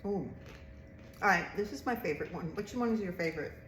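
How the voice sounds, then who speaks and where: A woman's voice: lowish voice, expressive, fast. Woman snacking in a noisy, echoey room. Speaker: snack review host. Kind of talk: casual taste-test chat. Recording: roomy echo, clear background noise with clicks.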